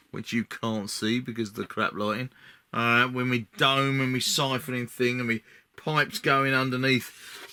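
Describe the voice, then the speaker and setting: A man's voice: mid-range voice, pushed and bright. A man with an Essex accent talking casually through a model build, rambling as he thinks aloud. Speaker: hobby model-building video maker.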